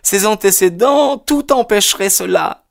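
A reader voicing an anxious, earnest middle-aged widowed landlady who pleads and sighs in a raised pitch. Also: lively intonation, a little slow, gravelly. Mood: anxious pleading. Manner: high, earnest and agitated, sighing.

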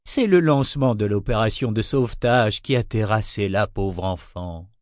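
A man voicing a fussy, bustling, thick-skinned older merchant who talks loudly and drawn out, in a storybook reading. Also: on the low side, normal speed, dry recording, studio quality, natural voice.

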